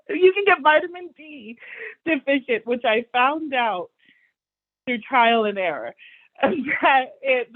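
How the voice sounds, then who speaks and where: A woman's voice: mid-range voice, phone-quality sound. A woman from Texas, chatting candidly and laughing often as she gives frank advice. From Texas, USA. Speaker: theater apprentice. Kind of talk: casual panel chat.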